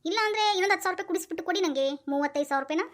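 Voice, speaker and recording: A woman plays a bossy young wife in a cartoon, with a North Karnataka accent. The voice is high and fast. She orders her husband around and sweet-talks him for money. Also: a bit bright. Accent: North Karnataka Kannada. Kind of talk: cartoon voice acting.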